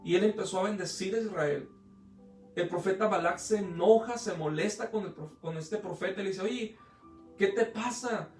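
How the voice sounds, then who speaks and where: A man's voice: sits high, fairly quick, a little mellow, roomy sound, recorded from a distance, soft background music. A man preaching a sermon as pastor, retelling a story with acted quotes, often hesitating and restarting. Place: church hall.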